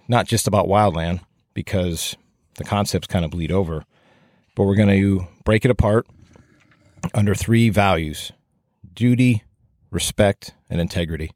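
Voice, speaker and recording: A man's voice: fairly low pitch, a little mellow, no room sound. A man giving an informal, rambling solo podcast talk in a plain-spoken, self-deprecating way, with audible breaths into a close microphone. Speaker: podcast host and firefighting instructor.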